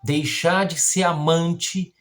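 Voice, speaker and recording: Slow, emphatic Brazilian missionary preacher. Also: male voice, a little high, steady tone, fairly bright tone, soft background music. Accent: Brazilian Portuguese. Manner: slow, emphatic, folksy, reads scripture aloud. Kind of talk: sermon-style Bible teaching.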